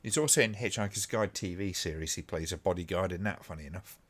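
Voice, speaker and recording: This UK live-stream host chuckles and rambles through casual commentary on old clips, using plenty of fillers. His voice is low, slightly bright, and quick.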